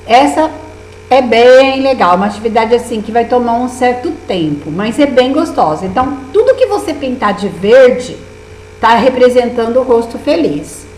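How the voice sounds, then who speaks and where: Woman, Brazilian Portuguese accent, primary teacher, patient and encouraging, highish voice, roomy echo, faint mains hum. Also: expressive, moderate pace, darkish tone. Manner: patient, encouraging, with many diminutives. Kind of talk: remote lesson walking through a workbook. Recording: echoey room with faint hum.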